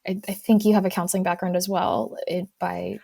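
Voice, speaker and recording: Gravelly-voiced woman counselor, thoughtful. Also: on the low side, flat delivery, warm tone, no echo, studio quality. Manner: thoughtful, measured, pauses to qualify points. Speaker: guest counselor. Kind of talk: casual podcast conversation.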